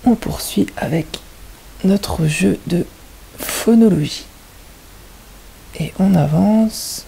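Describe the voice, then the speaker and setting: Very slow, gravelly French teacher. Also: medium pitch, warm tone, slight background noise, poor audio. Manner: patient, asks the children questions and explains step by step. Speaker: kindergarten teacher. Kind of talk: lesson for young children.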